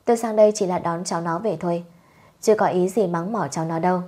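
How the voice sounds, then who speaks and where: A sugary, two-faced rich mother-in-law from a storybook, sweet on the surface and cutting beneath. A woman voices her with a low, husky tone. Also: fast talker, dark tone, natural voice.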